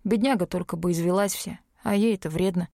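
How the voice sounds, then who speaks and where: A woman reading an audiobook, voicing a laconic, melancholic young male werewolf twin in a flat, terse way. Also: on the low side, fast, creaky, no echo, studio quality. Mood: cool.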